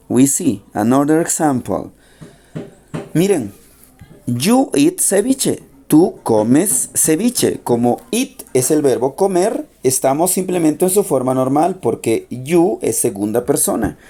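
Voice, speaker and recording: A man teaches an online grammar lesson with a patient, repetitive manner, slowing down to spell out each English example. His voice is dark and mellow, at an ordinary middle pitch for a man. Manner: patient, repeats key points, slows down for English examples.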